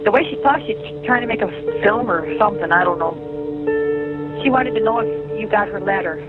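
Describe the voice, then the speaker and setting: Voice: mid-range voice, expressive, a little fast. A caller chatting plainly over a tinny payphone call from a jail. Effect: tinny payphone line from a jail. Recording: tinny phone line with music over it.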